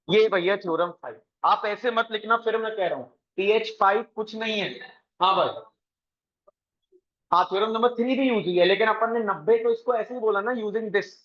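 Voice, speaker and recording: High-pitched guy teaching a class, keeps firing questions at students, dull lo-fi sound. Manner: brisk, keeps quizzing students, mixes English math terms. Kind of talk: classroom lesson.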